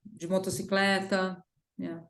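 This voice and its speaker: A woman's voice: medium pitch, level tone, slow. A woman with a Brazilian Portuguese accent, patiently teaching an English lesson and drilling pronunciation. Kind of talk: one-on-one language lesson. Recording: roomy echo.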